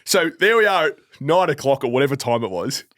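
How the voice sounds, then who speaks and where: A man's voice: mid-range voice, big pitch swings, brisk, fairly bright tone, dry recording, studio quality. An Australian man co-hosting a casual sports podcast, telling stories with lots of fillers. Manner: rambling storyteller, many fillers. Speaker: podcast co-host. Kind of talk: casual footy chat.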